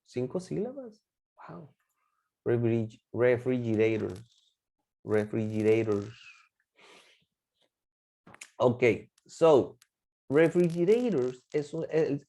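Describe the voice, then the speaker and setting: Lively, mellow-voiced teacher. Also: medium pitch. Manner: drills words slowly and quizzes the class with questions. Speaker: English teacher. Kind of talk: classroom instruction in Spanish and English.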